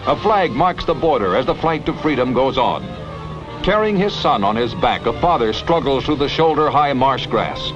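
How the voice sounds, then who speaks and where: A man's voice: medium pitch, animated, moderate pace. A man giving scripted, emphatic newsreel narration, heard as an old newsreel soundtrack. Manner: dramatic, emphatic announcer delivery. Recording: dull lo-fi vintage newsreel audio with music. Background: music.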